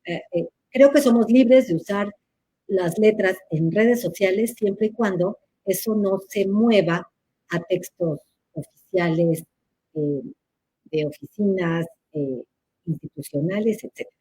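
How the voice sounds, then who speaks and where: A woman's voice: medium pitch, a little slow, warm tone, a little hiss or hum. A woman answers audience questions in a live chat, teacherly and playful, laughing at her own examples.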